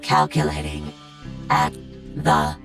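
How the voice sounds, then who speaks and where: A woman voicing a magic mirror AI assistant whose robotic voice is powering down on low power, gravelly, slow and mechanical. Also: very animated, soft background music, full character voice. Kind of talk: video game character voice.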